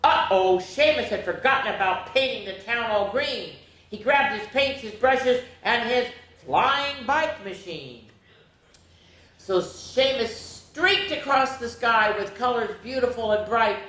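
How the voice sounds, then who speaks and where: Her voice is a little high and fairly bright, with lively intonation and an unhurried pace, as she hosts a children's story time. She brings the picture books to life playfully and chats with the kids between pages. Expect strong echo and faint noise in the room.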